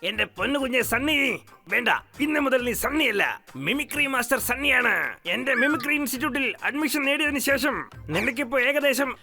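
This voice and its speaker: A creaky cackling mimicry teacher. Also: male voice, very high voice, brisk, sharp tone, faint music behind, full character voice. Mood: boastful. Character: cackling male mimicry teacher, boastful, fond. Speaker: mimicry teacher in a dubbed cartoon. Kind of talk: cartoon voice acting.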